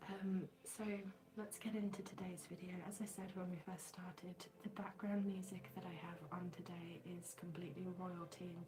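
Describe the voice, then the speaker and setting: A woman with a cold and a stuffy voice, chatting gently and apologetically in a soft-spoken ASMR craft livestream from her living room on a smartphone. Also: fairly low pitch, rough recording. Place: living room, at a folded dining table.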